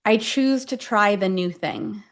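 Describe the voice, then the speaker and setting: Expressive yet measured, a woman with a medium-pitched voice leads a self-affirmation session. In the manner of a guided meditation, she speaks in brief, deliberate phrases separated by long pauses.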